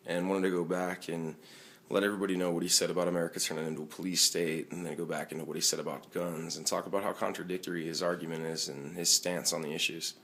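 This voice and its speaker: A man records his own opinionated commentary. His voice sits on the low side, with a bright, forceful edge that cuts through. The delivery is that of an amateur political video. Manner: indignant, emphatic.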